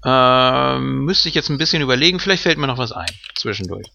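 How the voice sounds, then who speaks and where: A man's voice: medium pitch, expressive, fairly quick, vocal fry, sharp tone, no room sound, highs cut off. A young adult man hosting a casual podcast chat, talkative and teasing, laughing often. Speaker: podcast host.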